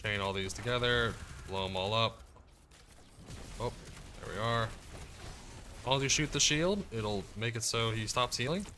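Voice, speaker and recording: A man giving casual commentary as he plays through a video game guide, relaxed and explaining as he goes. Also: medium pitch, a little slow, long pauses, a little hiss or hum. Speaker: gaming guide creator. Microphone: desk mic, muted to cough.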